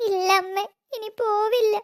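A timid little girl from an animated cartoon, frightened and tearful. Her voice is extremely high and small. She pleads and whimpers softly. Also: a little slow. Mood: pleading, tearful.

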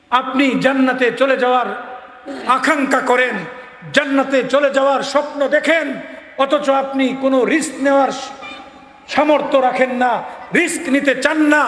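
A man with a Bangladeshi Bengali accent preaching a fiery sermon at a rally, shouting his repeated refrains with passion. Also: very high-pitched. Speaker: Islamic preacher. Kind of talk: fiery open-air sermon. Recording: echoey amplified hall with long reverb.

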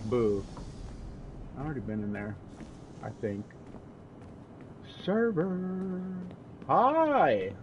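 A man's voice: fairly high pitch, a little mellow. A man giving casual, rambling gameplay commentary, often muttering to himself. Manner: rambling, muttering to himself, acting out little exchanges. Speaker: gamer playing and commenting. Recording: dull lo-fi mic, clear background noise.

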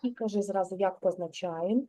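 A woman's voice: medium pitch, a little fast, warm tone, low-quality recording. A woman kindergarten teacher giving a literacy lesson to a child, coaching him patiently and sounding out syllables one by one in a classroom.

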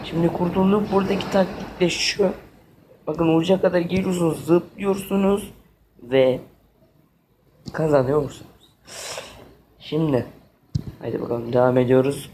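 A man's voice: on the high side, unhurried, long pauses, mellow, slight background noise. A man playing a video game and commenting as he goes, exasperated, talking both to the game and to his viewers. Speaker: gaming channel host. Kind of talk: let's play commentary.

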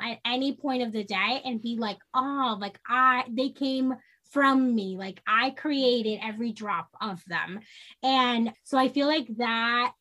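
A woman in her thirties from the Dominican Republic, talking as a podcast guest. Her voice sits fairly high and she speaks effusively, with many fillers and restarts. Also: fairly bright tone. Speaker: guest, social worker and parenting creator. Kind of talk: casual interview chat.

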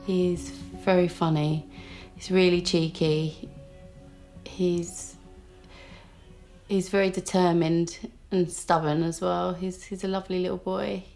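Low, slow woman with a gravelly edge, fond and gentle, interview setting. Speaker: parent interviewee. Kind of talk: sit-down interview.

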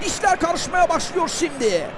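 Casting: male football commentator, excited screamer with an extremely high, swooping voice over a loud, noisy crowd. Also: normal speed. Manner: excited, screaming at shots and goals. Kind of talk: live match commentary. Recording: loud crowd noise behind. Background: stadium crowd.

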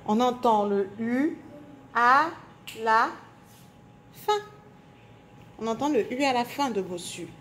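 A woman teacher giving a phonics lesson to young children, speaking slowly and clearly articulating, stretching out sounds and syllables. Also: on the high side, a little mellow, a little hiss or hum. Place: indoors at a table.

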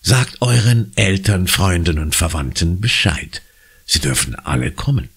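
A man doing a calm, genial drama teacher. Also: low voice, measured pace, husky, heavily acted. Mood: announcing.

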